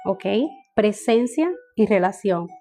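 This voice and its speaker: A woman's voice: medium pitch, animated, slow, warm tone, soft background music. A woman teaching a Bible study, often repeating phrases and checking in with her listeners.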